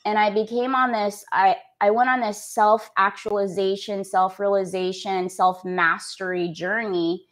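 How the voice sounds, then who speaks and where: A Canadian woman in her thirties, an executive coach, speaks earnestly as a guest in a podcast interview, using lots of "like" as filler. Her mid-range voice holds a steady tone at a slightly slow pace with hardly any pauses.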